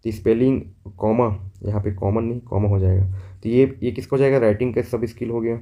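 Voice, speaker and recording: A man teaching an exam prep lesson, reading questions out slowly in English and explaining them in quick Hindi. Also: mid-range voice, steady tone, mellow, dull audio.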